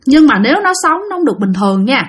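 A woman voicing a mysterious middle-aged male boatman sorcerer who gives flat, matter-of-fact demands. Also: high voice, racing, slightly rough, heavily acted. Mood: stern.

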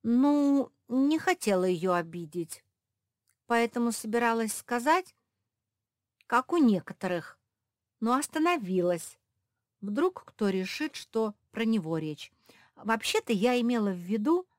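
A woman voicing the youngest little female pug, boastful and impatient, who shouts and bosses the others. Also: a little high, unhurried, no echo, studio quality, pitched above the performer's own voice. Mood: sulky. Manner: excited, bossy shouting.

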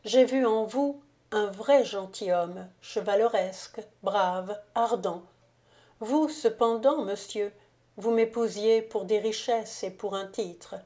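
A woman reading a wronged young countess, speaking firmly and assuredly, slow and mellow. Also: medium pitch, lightly acted. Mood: reproachful. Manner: firm, assured. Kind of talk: audiobook character reading.

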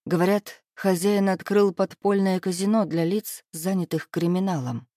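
A woman reads a first-person novel aloud in a lively, sharp-tongued manner. Her voice sits low for a woman, and the studio sound is dry and close. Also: moderate pace, no room sound. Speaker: audiobook narrator.

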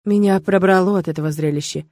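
A woman's voice: on the low side, quick pace, darkish tone, no echo, clean studio sound. Woman narrating a fantasy audiobook.

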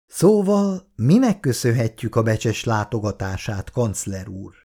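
A man's voice: on the low side, sing-song, warm tone. Man voicing a stern old father, dry, commanding. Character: stern older husband and father, gruff.

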